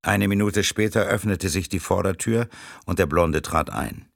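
A man reading a thriller audiobook in a steady, measured narration. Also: sits low, creaky, no echo, clean studio sound.

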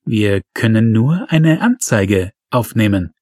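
A man voicing a hesitant rural male police officer who talks in a calm, placating way. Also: on the low side, takes it slowly, no room sound, clean studio sound, full character voice.

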